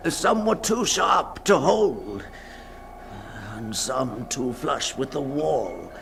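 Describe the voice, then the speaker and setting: On a noisy 1960s radio recording, a terrified, halting storyteller, a desperate male climber, narrates his nightmare escape in a dramatic monologue of a fantasy tale. His mid-range voice is sing-song, with vocal fry, heavily acted and steeped in haunted dread. Theatrical and gasping, he lurches between whispers and cries.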